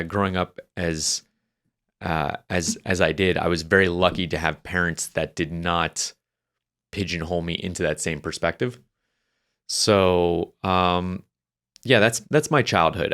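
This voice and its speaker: With a low voice and a fairly bright tone, a young man from New Hampshire who served in the Navy talks through his life story on a podcast. His delivery rambles, restarting often and leaning on fillers, in a casual interview style.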